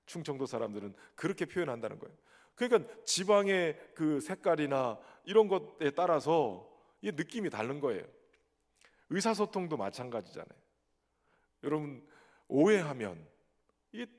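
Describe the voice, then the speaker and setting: Lively male pastor in a reverberant church. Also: on the high side. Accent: Chungcheong Korean. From Chungcheong, South Korea. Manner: lively, conversational preaching with humor. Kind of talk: sermon. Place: church sanctuary.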